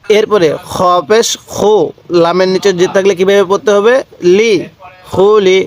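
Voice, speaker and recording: A man with a high, darkish voice and a flat delivery runs a step-by-step Quran recitation lesson. He spells words out slowly, drawing out each syllable, and prompts the viewer to repeat after him.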